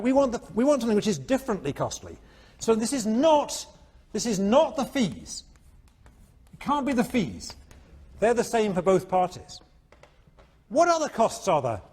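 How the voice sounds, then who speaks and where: A male economics professor giving a university lecture, animated and constantly checking in with his students. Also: sits high, fast. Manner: animated, keeps checking in with "all right?". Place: lecture hall.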